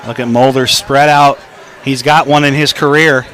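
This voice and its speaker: A man calling high school football play-by-play on radio, his voice rising to a shout for an excited touchdown call. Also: moderate pace, slight background noise, poor audio. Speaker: play-by-play announcer. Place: stadium broadcast booth. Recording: crowd behind, outdoor game ambience.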